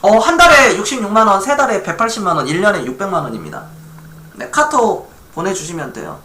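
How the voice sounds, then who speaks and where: Chatty Korean man, lively pitch, echoey room. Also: brisk, slight background noise. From Gwangju, South Korea. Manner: chatty, reads viewer chat aloud, laughs lightly. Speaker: stock investment streamer. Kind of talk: casual live-stream talk.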